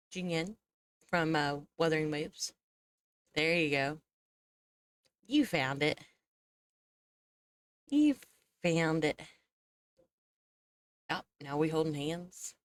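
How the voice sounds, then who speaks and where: Sleepy lady streamer yawning thru casual chat w chat, lowish voice, lots of laughs. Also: no echo. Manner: relaxed, chatty, laughs often. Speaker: VTuber streamer.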